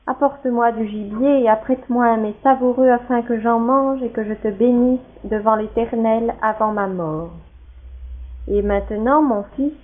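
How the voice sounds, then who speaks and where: A scheming mother pressing her son, read by a woman in a fairly high voice. The reading is insistent but measured. The audio is narrow and tinny, like a phone call. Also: natural voice. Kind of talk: scripture reading.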